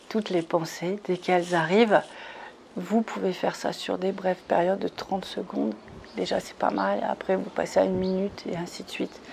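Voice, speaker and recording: A woman's voice: mid-range voice, vocal fry, darkish tone, a little hiss or hum. A woman leading a guided meditation talk for retreat participants, coaxing and soothing, often checking in with her listeners. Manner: soothing, leads step by step. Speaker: spiritual retreat leader.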